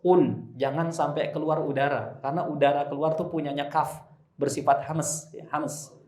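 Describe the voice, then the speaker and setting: A man's voice: fairly high pitch, level tone, darkish tone. Man teaching recitation, echoey hall. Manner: demonstrates slow drawn-out recitation, joking asides. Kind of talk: live tajwid class with congregation. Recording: echoey room.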